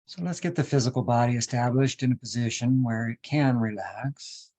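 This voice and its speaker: A man in a mid-range voice teaches a guided meditation, his speech calm and deliberate, delivered in measured phrases with long pauses.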